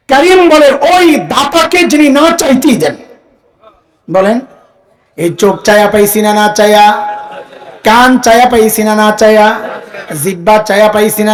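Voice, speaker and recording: High-voiced man preaching, crowd call-and-response. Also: poor audio. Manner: call-and-response, has the crowd repeat phrases; rises to shouting for emphasis. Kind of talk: Islamic sermon to a live audience.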